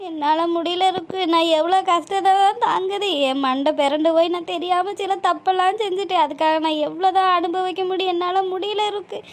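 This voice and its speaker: Cartoon: a guilt-stricken old mother, lamenting and tearful, very high. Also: steady tone, fairly quick, few pauses. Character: grieving old village mother, guilt-ridden.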